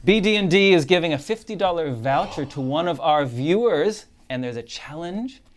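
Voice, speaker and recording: A game master hosting and narrating a live tabletop role-playing game in a dramatic, halting way. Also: medium pitch, animated. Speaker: game master and show host.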